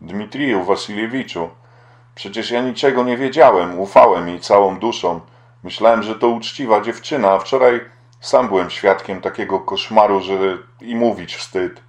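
Man reading an earnest young guy, apologetic and low-voiced, audiobook. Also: moderate pace, lightly acted.

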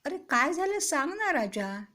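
A woman's voice: a little high, expressive, takes it slowly. A woman voicing a caring older sister who coaxes and teaches small boys in a children's story. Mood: coaxing. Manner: earnest, coaxing, motherly.

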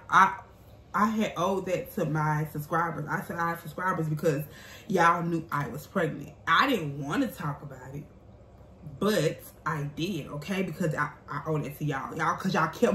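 A woman vlogger with a fairly low voice talks bluntly to her viewers in casual chat. She is sassy and emphatic. The room is echoey, with faint noise behind her. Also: normal speed, fairly bright tone. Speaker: vlogger and mukbang host. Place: indoors, small bare-walled room at home. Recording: roomy echo, faint background noise.

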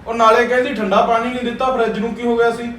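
A soft-spoken husband with a high voice, played by a man, always trying to calm things down. The sound is roomy and distant, with faint background noise. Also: rapid-fire. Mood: placating. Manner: placating, calm. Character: mild young husband caught between wife and mother. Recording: echoey room from a far mic, faint noise.

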